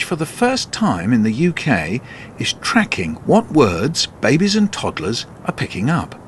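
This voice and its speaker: A man's voice: medium pitch, slight background noise. An older man, working as a radio presenter, narrating and interviewing on location.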